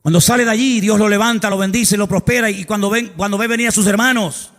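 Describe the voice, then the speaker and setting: A man's voice: high voice, fairly even intonation, fast talker, a bit bright, big-room sound. A male pastor preaching a sermon in a church, telling the story dramatically with emphatic repetitions and asides.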